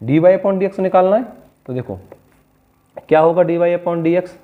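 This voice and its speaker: A man teaches a board-exam maths lesson in a patient, coaxing way, often checking that his students are keeping up. His voice sits a little high for a man. The sound is thin and tinny, like a phone line. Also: moderate pace. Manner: patient, coaxing, calls students "beta" and "bachche".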